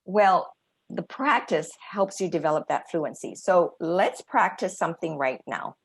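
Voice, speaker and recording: A woman's voice: on the low side, lively intonation, measured pace, breathy edge. A woman communication coach teaching an online masterclass on a video call, demonstrating phrasings aloud.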